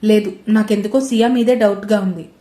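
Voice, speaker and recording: A woman's voice: medium pitch, fairly even intonation, fairly quick, dark tone, lightly acted. A woman voicing a caring, troubled young man who speaks earnestly, in a roomy-sounding recording. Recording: roomy echo.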